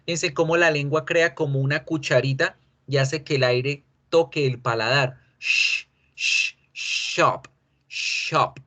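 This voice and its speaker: A man teaching English pronunciation in an online lesson, drawing out each sound slowly as he models it. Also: fairly high pitch, steady tone, a bit bright. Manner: slow, drawn-out modeling of sounds.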